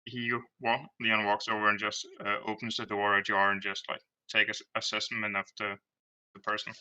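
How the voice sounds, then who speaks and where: A man playing a tabletop game, haltingly improvising narration of his character's actions. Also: on the low side, level tone, sharp tone.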